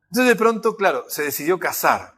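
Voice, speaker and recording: A man with a Rioplatense accent giving an enneagram lecture, animated and conversational, constantly checking in with his listeners. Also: high-pitched, brisk, slight background noise. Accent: Rioplatense Spanish. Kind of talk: recorded lecture.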